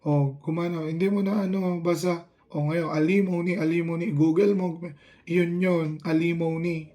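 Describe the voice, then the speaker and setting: A man talking casually to the camera in a rambling, halting way, often restarting his sentences. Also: on the high side, little pitch movement, warm tone. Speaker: vlogger.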